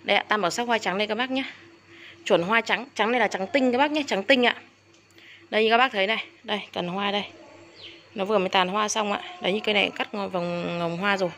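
A woman's voice: mid-range voice, fast talker, a bit bright. A woman selling orchids on camera, talking to her viewers in an indignant, repetitive way and calling them respectfully as elders. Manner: indignant, repeats herself, addresses viewers as elders. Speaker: orchid seller. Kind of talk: casual sales video talk to viewers.

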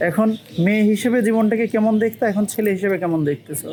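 This interviewer, the channel's host, has a high-sitting, darkish voice and talks fast with a Bangladeshi Bengali accent. Out in a village, he asks casual, probing questions as a crowd chatters behind him.

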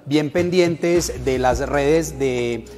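A man's voice: medium pitch, extremely slow, darkish tone. A man, a program organizer, giving a friendly invitation to the public. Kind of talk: promotional invitation. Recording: music clearly underneath.

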